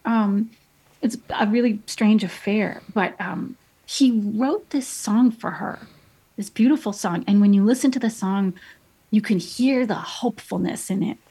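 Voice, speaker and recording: A painter in her thirties, appearing as an interview guest, tells stories chattily with lots of fillers and restarts. Her medium-pitched voice is unhurried, dark-toned and slightly rough, and the audio quality is poor.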